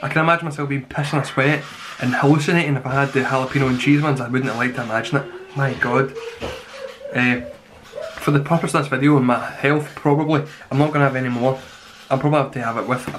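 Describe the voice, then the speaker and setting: A man in his twenties giving a rambling, casual review to camera, grumbling in a deadpan way. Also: mid-range voice. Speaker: snack reviewer. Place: small plain room indoors. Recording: clearly noisy home recording with clicks.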